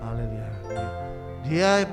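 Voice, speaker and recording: A man preaching a sermon in a church service, fervent and repetitive, rising to shouts for emphasis. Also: mid-range voice, lively intonation, slow pace, over loud music.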